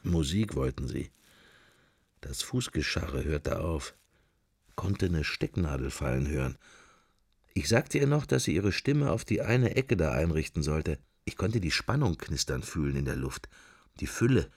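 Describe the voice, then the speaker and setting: An actor with an extremely low, husky voice plays a middle-aged man in a radio drama, wry, sceptical and worldly, who watches a church in silence while his reminiscing thoughts come out murmured, fragmentary and associative. The delivery is unhurried with lively intonation and heavily acted, in a dry, studio-quality recording.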